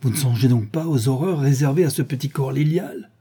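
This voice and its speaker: A grave, sorrowful painter reproaches his friend, read by a man. The voice is dark and husky, and it sits a little lower. The delivery is earnest, like an audiobook character. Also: a little fast. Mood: reproachful.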